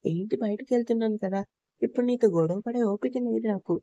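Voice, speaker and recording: A woman's voice: a little high, brisk, mellow, no echo, dull audio. A woman voicing an irritable, short-tempered young man who snaps impatiently. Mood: irritated. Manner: snappish, impatient.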